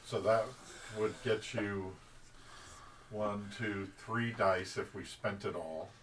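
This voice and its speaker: A man's voice: on the low side, fairly even intonation, slow, a bit bright, recorded from a distance, slight background noise, low-quality recording. A man playing a tabletop role-playing game, chatting casually and checking the rules. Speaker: player.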